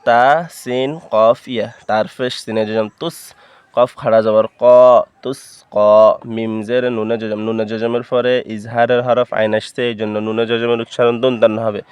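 A man's voice: fairly low pitch, flat delivery, normal speed, a little mellow, smooth, dry recording. A man teaching Quran reading, patiently spelling out letters and syllables one at a time. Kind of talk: slow spelling-out recitation lesson.

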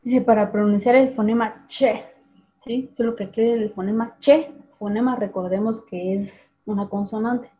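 A woman teacher runs an online class, patiently calling on students by name and repeating sounds slowly. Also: medium pitch. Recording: tinny phone-like video call audio.

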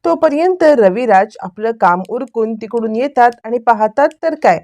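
A woman's voice: normal speed, no room sound. A woman narrating a recap of a television serial episode, retelling the scenes as a story and lifting her voice when she acts out the characters' lines. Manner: animated retelling, raising her pitch for quoted dialogue.

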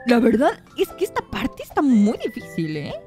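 A young woman giving excited gameplay commentary, often shrieking and squealing at mishaps while talking to her viewers. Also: on the high side, normal speed, soft background music. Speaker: gaming youtuber.

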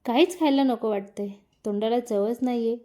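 A woman voicing an ailing older father who talks softly and wearily. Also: on the high side, moderate pace, lightly acted. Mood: weary.

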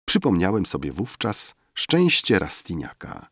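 Deep, slow male audiobook narrator. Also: breathy edge, no room sound, clean studio sound. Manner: measured, expressive literary reading. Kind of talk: scripted narration.

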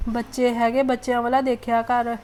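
A woman's voice: on the high side, level tone, normal speed, a crowd in the background, natural voice. Scheming greedy middle-aged mother-in-law played by a woman. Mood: consoling. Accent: Punjabi. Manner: chatty, muttering greedy asides. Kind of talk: comedy skit acting.

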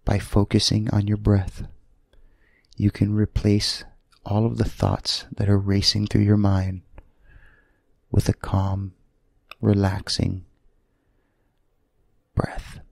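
Leading a sleep meditation, a man speaks in a gravelly, calming voice that sits on the low side and stays monotone. His phrases are short, gentle, and very slow, separated by long pauses, and the recording is close and dry with no room sound.

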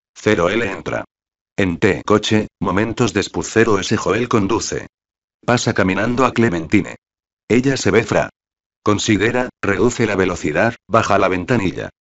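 A man reads a screenplay aloud, stage directions and all. His voice is low and his delivery stays flat and monotone. The recording sounds dull and lo-fi. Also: moderate pace.

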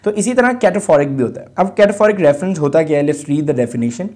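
A man teaching an English lesson, explaining in Urdu and reading the English words out slowly with drawn-out emphasis. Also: a little high, animated, a little mellow. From Pakistan. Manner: slow and deliberate, mixing Urdu with English. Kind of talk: recorded classroom lesson.

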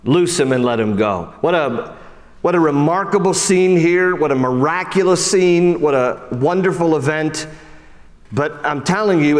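A man preaching a sermon, animated, often dropping low and soft for emphasis and speaking straight to his listeners. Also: big-room sound. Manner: acts out quoted voices and speaks straight to listeners. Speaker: pastor.

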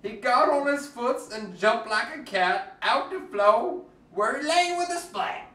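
Animated and unhurried, a man performs a picture book in Cajun dialect with theatrical, playful exaggeration, his sharp-toned voice swinging widely in pitch as he lingers on every line. He is recorded far from the mic in an echoey room.

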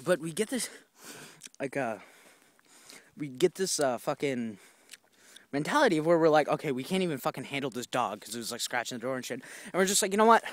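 Strolling through the woods with a phone camera in hand, this young vlogger rambles through a profane walk-and-talk story, restarting often and leaning on fillers. He speaks fairly high and fairly quickly in a sing-song way, pausing often, with no audible room sound.

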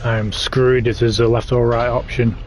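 A man's voice: medium pitch, level tone, normal speed, a little mellow. A man streaming a horror game, commenting live in a scared, jumpy way and swearing as he plays. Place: small indoor room, wearing a VR headset. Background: horror game music and sounds.

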